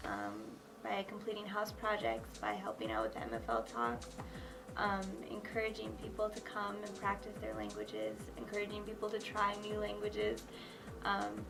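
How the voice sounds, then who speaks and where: A young woman from Minnesota, a college senior speaking in a relaxed documentary interview. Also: mid-range voice, moderate pace, gravelly, over music, poor audio. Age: young adult. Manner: relaxed, many fillers. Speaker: student.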